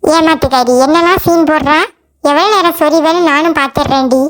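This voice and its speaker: A woman voicing a protective mother goat who scolds and threatens in a high, sped-up cartoon voice. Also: brisk, fairly bright tone. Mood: scolding. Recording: faint music underneath.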